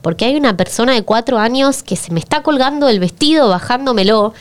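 Smooth-voiced Argentine woman co-host. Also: on the high side, lively intonation, fairly quick. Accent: Rioplatense Spanish. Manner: frank, reflective, chiming in with agreement. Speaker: podcast co-host. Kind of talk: casual podcast chat.

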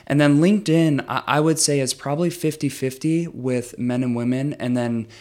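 A man's voice: mid-range voice, fairly even intonation, normal speed, darkish tone. A young man, a guest explaining his social media business in casual chat, talking freely with plenty of fillers. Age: young adult. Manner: chatty, lots of fillers like "um" and "you know".

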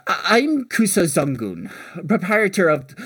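A man voicing an older female kobold who runs a seafood cart, speaking in an eager sales pitch. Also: very animated, a little slow, fairly bright tone, husky, full character voice.

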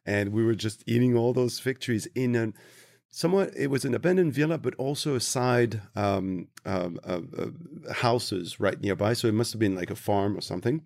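A man from Tunisia, a travel industry guest, giving thoughtful interview answers and searching slowly for his words. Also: mid-range voice, vocal fry, darkish tone, no room sound.

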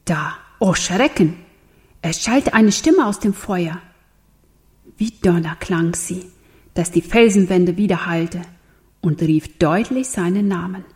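A woman reading a Bible story aloud for young children, in an earnest, gentle storytelling manner with questions to her listeners. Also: on the low side, takes it slowly.

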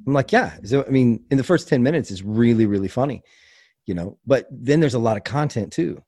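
A man's voice: mid-range voice, brisk, dry recording. A man guesting on a podcast, chatting casually and telling a story with lots of laughter. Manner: laughs often, animated storytelling. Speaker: podcast guest, host of another podcast. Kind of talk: casual chat.

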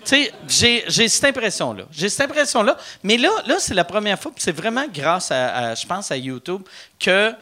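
A man's voice: high-pitched, moderate pace. A man with a Quebec French accent hosting a live podcast, joking and talking over his guests. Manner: animated, joking, talks over others. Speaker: podcast host. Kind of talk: casual live podcast chat. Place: live show in a bar venue.

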